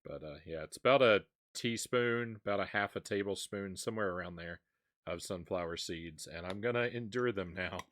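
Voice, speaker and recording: A man with a deep, low voice hosts a live stream in a relaxed, chatty way. He talks with his audience between bites, letting out sighs as the heat builds. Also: normal speed. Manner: chatty, sighs and reacts while eating spicy seeds. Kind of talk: casual live-stream chat.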